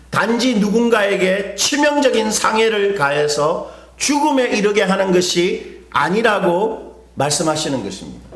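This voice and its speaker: A middle-aged man gives a sermon in a relaxed, talking style, asking his listeners questions and telling stories from his own life. His voice sits fairly high and moves up and down a great deal. The room carries a clear echo. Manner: conversational preaching, asks the congregation questions, tells personal stories. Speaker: pastor. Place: church hall. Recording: echoey room.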